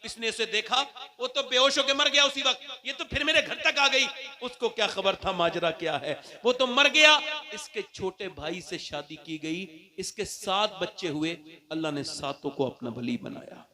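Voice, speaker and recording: A man preacher giving a sermon to a public gathering, telling stories emotionally and swinging from hushed to loud. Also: high voice, lively intonation, moderate pace.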